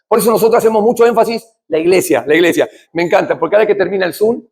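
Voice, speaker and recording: Middle-aged man, Rioplatense Spanish accent, high husky voice, conversational church talk on recovery. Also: racing. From Argentina. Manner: conversational, asks the audience questions, swings between loud and hushed. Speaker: addiction recovery speaker.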